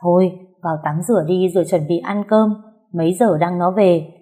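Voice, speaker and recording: A woman's voice: on the low side, moderate pace, dark tone, close to an everyday voice. A woman voicing a caring older country mother who comforts her grown daughter in a told story. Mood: soothing. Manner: soothing, motherly.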